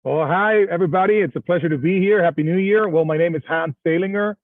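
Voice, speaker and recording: A middle-aged man from Venezuela, a podcast guest speaking in a measured, slightly hesitant way. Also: high voice, no echo. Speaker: guest investor. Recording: dry tinny phone line.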